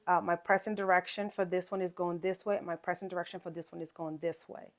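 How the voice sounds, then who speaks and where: Low-voiced woman chatting through a sewing tutorial. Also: fairly even intonation, quick pace. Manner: chatty step-by-step explaining with fillers. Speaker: quilting channel host.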